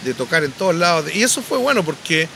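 A man, a podcast guest and musician, telling anecdotes casually with lively restarts. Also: fairly high pitch, quick pace, a loud crowd. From Chile. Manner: animated anecdotes, frequent restarts. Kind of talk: casual storytelling.

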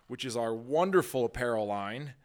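A man's voice: mid-range voice, animated, moderate pace. A man in his thirties hosting a casual podcast, rambling and laid-back, laughing easily. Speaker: podcast host. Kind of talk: casual chat.

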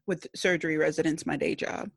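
A woman's voice: deep voice, steady tone, brisk, gravelly, slightly rough, dry recording. A woman from New Orleans chatting casually, who tells stories animatedly and acts out quotes. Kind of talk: casual conversation.

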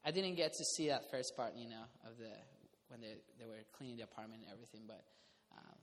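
A man's voice: medium pitch, fast talker. A young man from Costa Rica chatting casually in a group, rambling with fillers and laughing often. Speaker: community house resident. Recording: reverberant room, faint noise.

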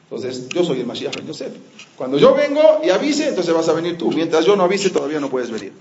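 A man voicing a stern, defiant rabbi who scolds forcefully, in a muffled lo-fi recording. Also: on the high side, very animated, fast, crowd noise. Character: stern older male rabbi, defiant scholar. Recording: muffled lo-fi audio.

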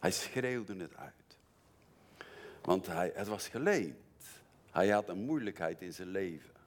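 An older male preacher with a very low voice speaks slowly and deliberately. His pitch swings widely as he moves from soft, earnest asides to emphatic declarations from the pulpit. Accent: Dutch. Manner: earnest, shifts from quiet to emphatic. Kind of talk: sermon.

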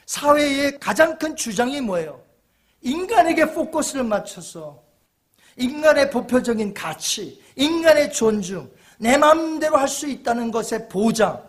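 Man, pastor, sermon, emphatic, rhetorical questions, very high voice.

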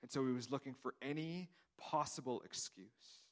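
Speaking at a moderate pace in a medium-pitched voice, this pastor delivers a conversational sermon. He voices the dialogue of the story himself, frequently repeating words and starting phrases over.

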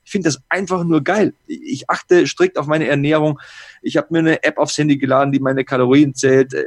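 A man's voice: fairly high pitch, steady tone, normal speed, no room sound. A man in his late thirties co-hosting a podcast, talking earnestly and reflectively in casual chat. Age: 30s. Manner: reflective, earnest, listing things off. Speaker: podcast co-host.

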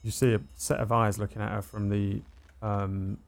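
A man narrating a tabletop game as its game master. His voice is gravelly, and he pieces scenes together haltingly, thinking aloud as he goes. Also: lowish voice, level tone.

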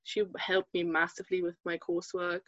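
A woman's voice: fairly low pitch, completely flat delivery, fairly quick, fairly bright tone, dry recording, muffled recording. A woman in her twenties from Germany, a podcast guest chatting casually and hesitantly, full of fillers and restarts. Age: 20s. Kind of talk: casual interview chat.

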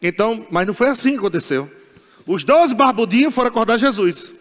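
High-voiced Brazilian pastor preaching. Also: male voice, expressive, fairly quick, long reverb tail. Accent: Brazilian Portuguese. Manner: emphatic and repetitive, laughing as he preaches. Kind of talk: sermon.

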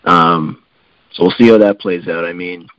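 A man co-hosting a casual sports podcast, relaxed and hedging, with lots of fillers. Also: low voice, moderate pace, no echo, lo-fi sound. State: coughing. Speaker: podcast co-host.

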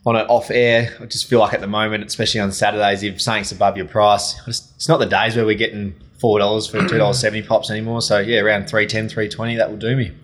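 A lower-pitched Australian man talks fast about betting odds and value. His delivery is practical and to the point, in a casual podcast chat. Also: level tone, a bit bright. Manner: quick, practical betting talk. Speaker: racing podcast co-host. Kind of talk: casual racing tips chat.

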